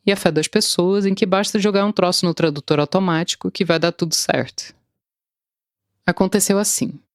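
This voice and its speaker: A translator in her thirties narrates her own story from a script, in a wry and confessional first-person style. Her voice is lowish with a darkish tone, recorded dry with clean studio sound.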